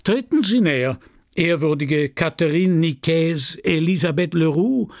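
A man's voice: a little high, expressive, measured pace, vocal fry, a little mellow, dry recording, studio quality. A man doing a formal fatherly official. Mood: coaxing. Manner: formal, coaxing, raised voice. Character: fatherly male prefecture councillor. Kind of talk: audiobook reading.

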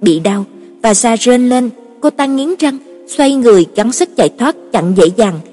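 A woman reads a novel aloud in a steady, even voice. Her tone is husky and breathy. Long reverb and faint music sit behind her. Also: fairly high pitch, normal speed. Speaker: audiobook narrator. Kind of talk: scripted novel narration. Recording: reverberant, with soft background music.

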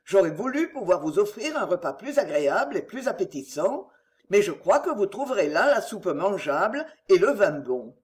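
A reader doing a courteous English gentleman. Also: sits high, big pitch swings, normal speed. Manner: courteous, sometimes gruff.

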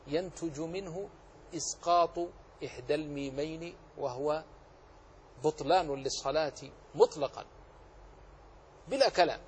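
A man's voice: on the high side, slight background noise. A man teaching a tajweed lesson who explains each rule and then recites the correct form as an example.

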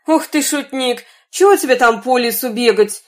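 A woman's voice: on the high side, moderate pace, natural voice. A woman voicing a kindly, cautious old father who talks in a fussing, fatherly way.

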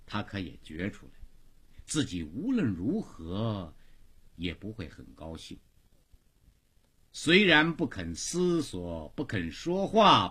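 A man with a Beijing accent telling a long story for radio in a dramatic, expressive narrating style. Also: mid-range voice, breathy edge.

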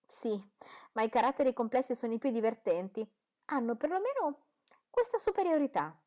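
A woman's voice: on the high side, sing-song, warm tone, voice pushed up. A woman reading as a spirited, witty young lady. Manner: spirited, quick-witted. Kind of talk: audiobook reading.

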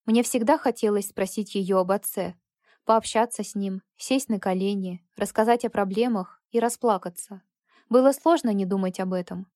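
A woman reads a first-person story aloud in a measured, intimate way. Her voice is mellow and warm, recorded close with a dry sound and no room echo. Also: medium pitch. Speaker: audiobook narrator.

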